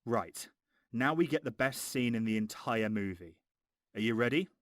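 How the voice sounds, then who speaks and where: A man's voice: medium pitch, animated, normal speed, fairly bright tone, no echo, studio quality. A man narrating a scripted film review in a mocking, exasperated, sweary way.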